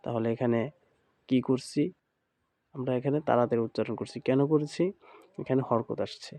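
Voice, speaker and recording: A man with a Bangladeshi Bengali accent teaching Quran recitation in a slow recorded lesson, chanting letter sounds in rhythm and repeating drills. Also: medium pitch, steady tone, dark tone, dry recording.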